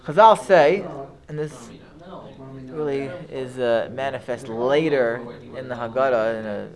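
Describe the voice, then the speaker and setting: A man's voice: medium pitch, a little slow. A man teaching about the Passover Seder to a listener, earnest and repeating himself, mixing in Hebrew terms. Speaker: Torah teacher. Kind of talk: explaining Passover Haggadah to a listener.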